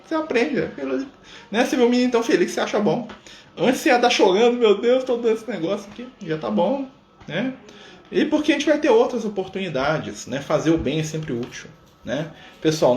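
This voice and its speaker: In a community center room, a mid-range male voice carries a live-streamed spiritist study talk; the speaker, a Brazilian group leader, keeps it conversational and fills pauses with a questioning "né?". The audio is reverberant, with slight background noise.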